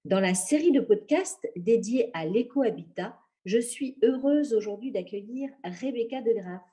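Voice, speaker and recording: A woman's voice: a little high, lively intonation, moderate pace, warm tone. A woman hosting an interview podcast, asking polite, formal questions. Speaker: podcast host.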